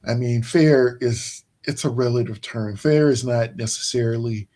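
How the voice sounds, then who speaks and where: A man's voice: mid-range voice, mellow, slight background noise. A man hosting a casual sports chat, rambling and restarting his sentences as he makes his points. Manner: rambling, many restarts and fillers, slow emphatic points. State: yawning, tired. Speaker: podcast host.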